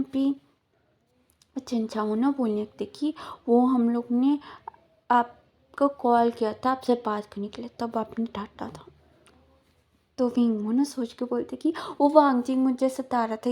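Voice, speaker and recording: A woman's voice: fairly high pitch, warm tone. A woman casually retelling a story, rambling, with many repeated fillers.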